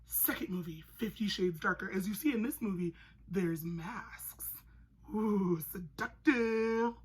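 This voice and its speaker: A young woman giving a casual, comedic recap in an animated, sarcastic way, with slangy phrasing and a husky, breathy voice. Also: lowish voice, normal speed, poor audio. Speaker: movie reviewer.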